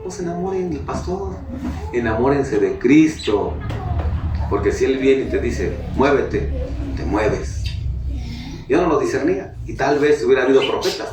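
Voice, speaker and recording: A Mexican pastor preaches a sermon in a church hall, speaking conversationally and asking his congregation questions. His voice is mid-range, and the distant mic picks up hall echo and background noise.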